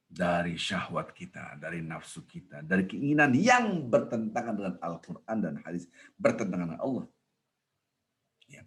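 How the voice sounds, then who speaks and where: A man preaching a casual, jokey sermon, swinging from loud emphatic rises to soft asides. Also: lowish voice. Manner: animated, with sudden loud rises and soft drops; jokey, conversational teaching.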